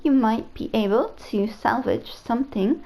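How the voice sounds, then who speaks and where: A woman's voice: a little high, normal speed, gravelly, dark tone, low-quality recording. A woman reading aloud the lines of a polite, worried robot AI caretaker from a video game, in her own plain voice. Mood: concerned.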